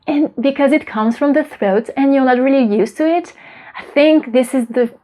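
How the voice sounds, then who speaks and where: Upbeat teacher woman, slightly high voice. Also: dark tone. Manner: upbeat, demonstrates sounds slowly and clearly. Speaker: French teacher. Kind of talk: pronunciation lesson to camera.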